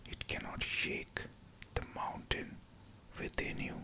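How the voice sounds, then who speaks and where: A man whispering a scripted pep talk of affirmations, in short, deliberate phrases. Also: pushed and bright. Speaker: guided affirmation narrator.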